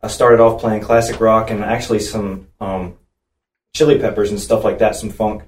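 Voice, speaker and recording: A man from Charlotte, North Carolina who plays drums, speaking hesitantly and softly in a casual interview. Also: lowish voice, flat delivery, moderate pace. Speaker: band drummer. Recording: roomy and distant.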